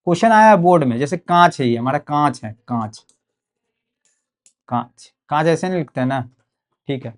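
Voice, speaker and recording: A man's voice: on the high side, animated, normal speed, pauses often. A young man with a Bihari Hindi accent teaching a board exam physics lesson, repeating key terms and checking in often with "okay". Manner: repetitive, drills key words, frequent "ठीक है".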